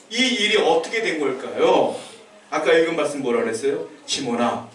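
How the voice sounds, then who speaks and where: A male pastor delivers a lively sermon, slipping into the voices of the figures he tells about. His somewhat high voice carries through a roomy church sanctuary, picked up from a distant microphone, with a faint hum of room ambience behind him. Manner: animated preaching, acting out scripture voices.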